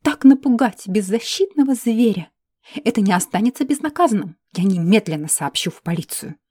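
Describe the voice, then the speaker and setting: A woman voicing a prim, indignant elf lady who talks in a shrill, huffy way. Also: animated, fairly quick, darkish tone, slightly rough, no echo, studio quality.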